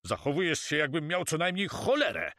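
A man voicing a loud, hot-tempered male pirate who blusters and swears by sharks in an audiobook. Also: fairly high pitch, very animated, fairly quick, dry recording, studio quality, voice pushed up, heavily acted. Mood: aggrieved. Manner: blustering, shouts sea-themed curses. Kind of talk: audiobook character voice.

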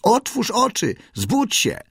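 A man voicing a young male seal, eager and bold, in a high, insistent voice. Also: sing-song, unhurried, breathy edge, no room sound, studio quality, exaggerated voice. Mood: shouting.

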